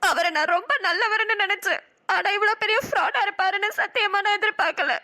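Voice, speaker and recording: A woman's voice: a little fast, heavily acted. A woman voicing a heartbroken young woman in a cartoon drama, speaking in a pleading, sobbing way. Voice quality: high bright girlish voice. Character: heartbroken young woman Kanmani, tearful and hurt.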